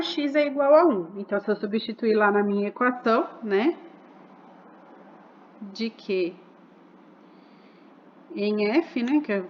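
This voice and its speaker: A woman's voice: medium pitch, dull audio, slight background noise. A woman explaining a math exercise step by step, patient and asking rhetorical questions as she goes. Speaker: math teacher.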